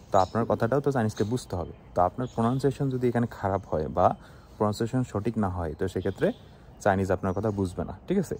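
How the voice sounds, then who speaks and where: Young guy giving a chatty language lesson, lowish mellow voice, keeps asking "ok?", bit of hiss behind. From Bangladesh. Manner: conversational, with frequent "ঠিক আছে?" checks. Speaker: Chinese language teacher. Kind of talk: casual spoken lesson to camera.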